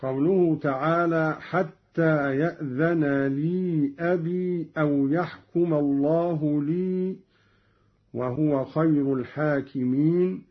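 A male recitation teacher explaining readings in a measured way and chanting each verse slowly. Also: fairly high pitch, fairly even intonation, slightly rough, dull audio.

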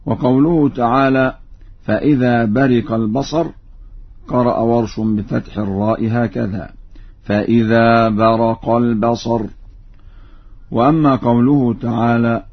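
A man teaching recitation variants, giving measured spoken explanations and then chanting each example slowly and melodically. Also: medium pitch, slightly rough, dull audio.

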